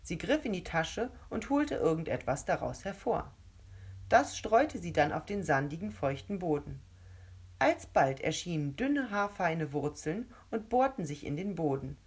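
A woman narrates a children's storybook in a calm, even reading voice. Her tone is low and slightly husky, and she paces the story steadily. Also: measured pace.

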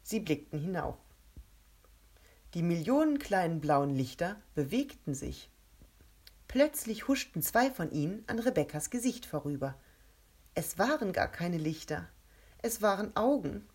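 A woman narrating an adventure story aloud in a steady, measured way. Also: on the low side, breathy edge.

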